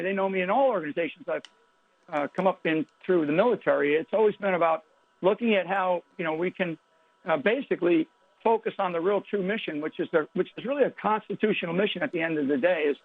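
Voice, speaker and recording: A man's voice: high-pitched, gravelly. Man talking over a tinny phone line. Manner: halting, restarts, emphatic. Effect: heard over a phone line. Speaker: guest interviewee. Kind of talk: phone interview.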